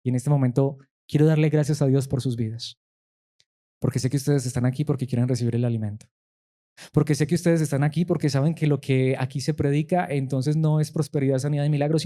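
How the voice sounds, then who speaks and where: A man's voice: fairly high pitch, dark tone. A man pastor, preaching a sermon emphatically and asking his listeners rhetorical questions.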